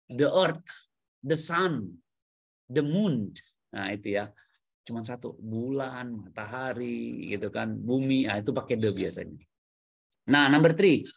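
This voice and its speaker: A man with a mid-range voice and noticeable vocal fry gives an online English grammar class to adults. He teases answers out of the learners, repeats them aloud, and mixes English words into his explanations.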